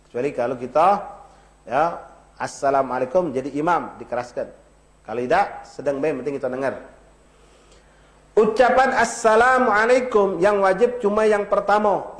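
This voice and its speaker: A man teaching an Islamic study circle, stretching out Arabic phrases to show how to say them and talking to the audience in a folksy way. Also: high-pitched. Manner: demonstrates pronunciation, drawn-out chanted Arabic phrases; addresses audience directly, folksy humor. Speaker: religious teacher.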